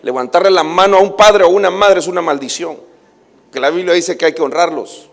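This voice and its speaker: Man, pastor, high voice, sermon with loud calls and soft asides. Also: a little fast, gravelly. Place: church hall. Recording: livestream with long hall reverb.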